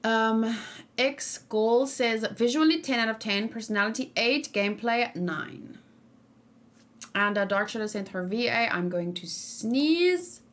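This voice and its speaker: The young woman's voice is slightly high and unhurried as she reacts live to a game character, chatting casually, reading viewer comments and filling her rambling with frequent fillers.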